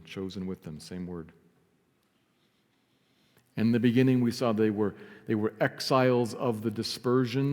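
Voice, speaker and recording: Low-voiced pastor preaching in a reverberant hall. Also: male voice. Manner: earnest preaching, drops to soft emphasis. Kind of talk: sermon. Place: church sanctuary.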